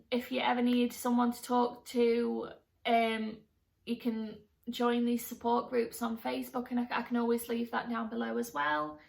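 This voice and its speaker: A woman's voice: a little high, creaky, fairly bright tone. A woman in her thirties chatting casually to camera as a vlogger, self-deprecating, with plenty of fillers. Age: 30s. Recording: voice a little distant from the mic.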